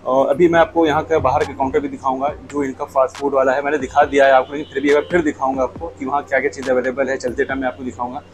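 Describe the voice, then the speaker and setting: A man's voice: medium pitch, rapid-fire, hardly any pauses, noisy background. Chatty Lucknow man reviewing food. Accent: Lucknow Hindustani. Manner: relaxed, chatty, describes each dish while eating. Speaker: food vlogger. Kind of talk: casual food review to camera. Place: restaurant table indoors. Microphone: lapel mic.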